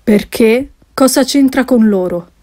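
A woman reading an audiobook, voicing a calm, ironic middle-aged husband who teases his wife dryly. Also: fairly high pitch, a little slow, lightly acted. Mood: wry.

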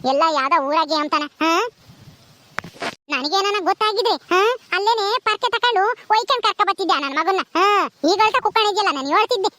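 A woman's voice: extremely high pitch, fast talker. A woman voicing a deaf, talkative old village grandmother who scolds and keeps asking "eh?". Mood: scolding. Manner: loud, repeats "ha?" as if hard of hearing. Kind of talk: village comedy voice acting.

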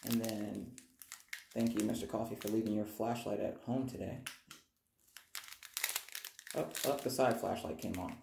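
Woman, vlogger, echoey bathroom, faint background noise, very low voice. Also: a little slow, creaky, long pauses. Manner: excitable, self-deprecating chatter. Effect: echoey bathroom sound. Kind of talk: chatty unboxing video. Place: small bathroom with the door closed, in doors. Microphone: phone camera.

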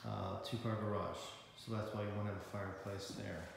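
A man's voice: fairly low pitch, steady tone, fairly quick, vocal fry, distant mic. A man giving a casual, matter-of-fact tour of an unfinished house, pointing out each room as he walks through. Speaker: house walkthrough guide. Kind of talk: casual property tour narration. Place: unfinished house under renovation, indoors. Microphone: handheld phone camera. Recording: echoey empty rooms, noisy, mic held away.

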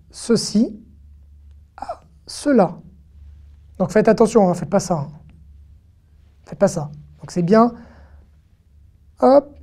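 A woman giving an online lesson, chatty and lively, talking straight to her viewers with frequent "hop" and "hein" asides. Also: medium pitch. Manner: addresses the viewer directly. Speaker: Hebrew teacher.

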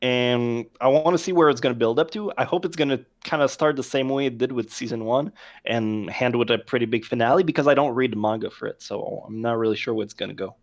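A man's voice: medium pitch, fast. Easygoing man on a headset mic. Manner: easygoing, laughs often. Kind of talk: casual chat.

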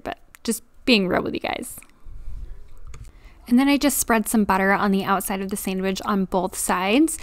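A young woman talks through a home cooking video in an easy, chatty voice-over. Her delivery is relaxed and a little self-deprecating, with plenty of small fillers. The sound is close and dry, with no room around it. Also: medium pitch, vocal fry, no room sound. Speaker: cooking vlogger. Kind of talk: casual cook-along voice-over.

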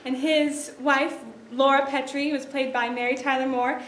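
A young adult woman stands on an indoor theatre stage, introducing a show she directed in an informal, chatty, giggly way. Her voice sits high and a bit bright, with a level tone at normal speed. A distant audience camera picks her up, so the sound is echoey, far off, and noisy.

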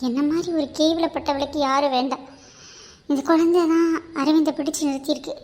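A woman voicing a remorseful young pregnant wife in a cartoon, talking in a tearful, pleading, self-blaming way. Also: sits high. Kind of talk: amateur cartoon voice acting.

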